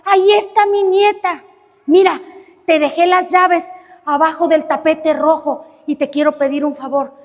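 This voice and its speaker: A woman's voice: high-pitched, fairly even intonation, measured pace. A woman playing a frail, pleading old grandmother. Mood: explaining. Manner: pleading, insistent. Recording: reverberant hall.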